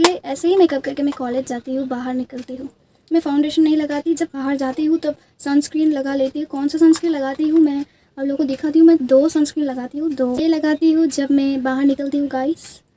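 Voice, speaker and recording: Young woman, Bengali accent, native Bengali speaker; high, mellow voice; casual rambling beauty-vlog storytelling with restarts. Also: steady tone, fairly quick. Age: young adult. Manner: chatty, rambling, many restarts and fillers. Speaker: beauty vlogger.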